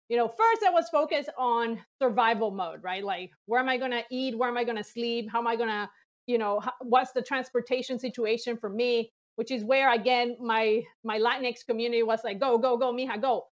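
On a somewhat muffled video call, a NASA mission lead from Colombia, a native Spanish speaker, gives an interview as a guest. Her high, bright voice moves quickly and excitedly as she tells lively stories punctuated by laughs.

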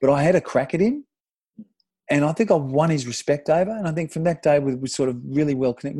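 A middle-aged Australian man, a former footballer, telling an animated, sweary anecdote with self-deprecating laughs in casual podcast chat. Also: mid-range voice, no echo. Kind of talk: casual storytelling.

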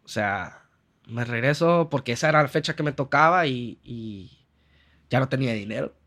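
With lively intonation, a mid-range voice, and a fairly bright tone at a moderate pace, a Honduran-accented podcast guest shares personal stories in a relaxed way. He trained as an architect and peppers his tales with quoted lines and slang.

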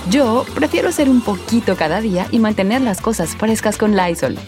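A woman reading a scripted ad in a friendly, polished pitch. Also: expressive, fairly quick, music in the background. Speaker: ad announcer. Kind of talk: scripted radio ad.

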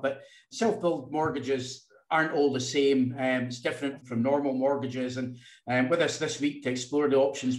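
A man co-hosting a podcast in casual chat, halting and repeating small words as he goes. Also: medium pitch. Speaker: podcast co-host. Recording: roomy, echoey sound.

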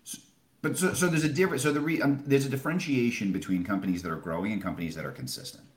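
Talking very fast in a medium-pitched voice, a man offers expert retail analysis as a Wall Street analyst during a podcast interview. He's conversational yet emphatic, raising his own questions and then answering them, and the sound is roomy and echoing.

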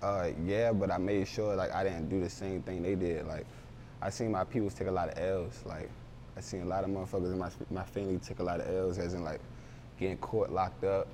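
A man's voice: deep voice, little pitch movement, brisk, warm tone, a little hiss or hum. A young man, a rapper, talking casually in an interview with loose, rambling street slang. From Baltimore, raised in Philadelphia.

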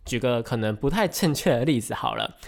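A man's voice: mid-range voice, huge pitch swings, brisk, creaky. A man hosting a podcast, explaining things in a casual, rambling way with frequent hesitations and self-corrections. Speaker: podcast host.

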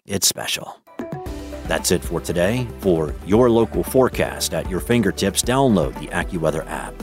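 A man reading a scripted daily weather news story in a measured, even way. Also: low-pitched, soft background music. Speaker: news narrator.

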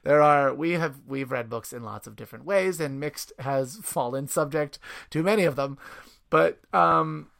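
A man's voice: a little high, normal speed, gravelly, a bit bright. A man speaking as a parent guest, telling rambling anecdotes in casual chat and laughing often.

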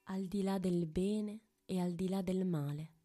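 A woman guides a meditation very slowly, speaking softly as if right in your ear. Her voice is mellow and on the low side. She leaves long pauses between short, intimate phrases. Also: fairly even intonation. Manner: hushed, intimate, close to the ear. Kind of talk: guided meditation, slow and soothing.

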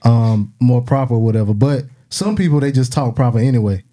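A man's voice: medium pitch, a little fast, dark tone. A man with a South Carolina Southern accent explaining his view in casual, slangy, colloquial speech. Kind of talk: casual chat.

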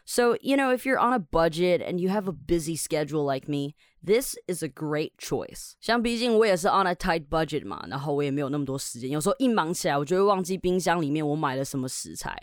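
A woman's voice: sits low, lively intonation, brisk, hardly any pauses, no room sound, studio quality. A woman from Taiwan, hosting a podcast lesson as an English teacher. She is upbeat and chatty and explains words step by step.

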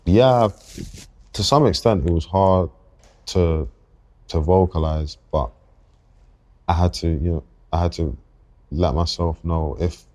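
A man in his twenties with a London accent, a guest on a podcast interview, talking reflectively and haltingly and often restarting his thoughts. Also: low-pitched, mellow. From England. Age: 20s. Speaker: guest rapper.

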